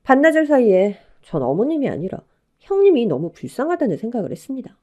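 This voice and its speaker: A young bride telling her own story, read by a woman for a radio drama. Her speech is polite and deferential. Her pitch moves in a lively way. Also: fast talker, dull audio. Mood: calm narration. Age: young adult. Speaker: narrator and new daughter-in-law.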